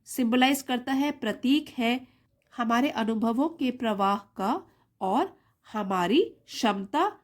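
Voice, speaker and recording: A woman's voice: fairly high pitch, lively intonation. A woman with an Indian accent reading an English story aloud and explaining it line by line as a teacher. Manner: reads English lines slowly, then explains them word by word.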